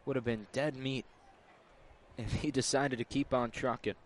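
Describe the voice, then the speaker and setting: A man delivers live baseball play-by-play in a mid-range voice. His phrasing is clipped and terse, and clear outdoor ballpark noise runs behind him. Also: mid-range voice, fairly even intonation, moderate pace. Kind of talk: live play-by-play sports commentary. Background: outdoor ballpark ambience.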